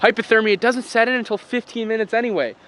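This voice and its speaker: A young man chatting casually to camera in an informal, excitable way, swearing freely. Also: high-pitched, fast talker. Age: young adult. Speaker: vlogger, fishing host. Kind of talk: casual outdoor vlog chat. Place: outdoors on a frozen pond and by a river. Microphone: handheld or body-worn action camera. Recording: noisy outdoor action camera audio.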